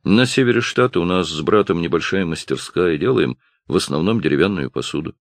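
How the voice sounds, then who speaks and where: A man voicing a plain, calm country man who gives short, guarded answers. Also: sits low, brisk, no room sound.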